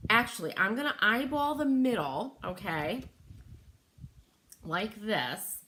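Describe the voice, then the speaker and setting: A middle-aged woman hosts a casual craft livestream from her home workroom beside an open window, chatting and thinking aloud while stenciling. She greets viewers by name in a medium-pitched voice that is pushed and bright, with lively intonation and an unhurried pace.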